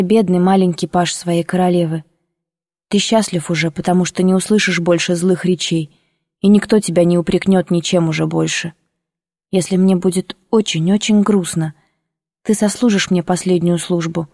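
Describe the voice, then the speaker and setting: A woman's voice: fairly low pitch, steady tone, moderate pace, a little mellow, dry recording, studio quality. A woman voicing a proud, hurt young girl who speaks earnestly and tearfully.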